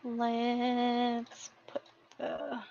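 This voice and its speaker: Slow-talking woman chatting on a livestream. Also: on the high side, monotone, warm tone, lo-fi sound. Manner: rambling, giggly, with many fillers. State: sleepy, yawning. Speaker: livestream host. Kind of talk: casual livestream chat.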